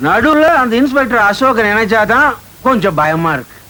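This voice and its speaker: An actor playing a crooked estate manager's accomplice who explains matters warily in a Tamil film. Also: male voice, very high voice, sing-song, normal speed, sharp tone, heavily acted. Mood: wary. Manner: explanatory, wary.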